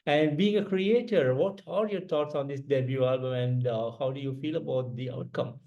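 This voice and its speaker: A man interviewing a guest over a video call, often repeating praise words and pausing with fillers. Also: mid-range voice, vocal fry, darkish tone, dull audio. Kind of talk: interview questions.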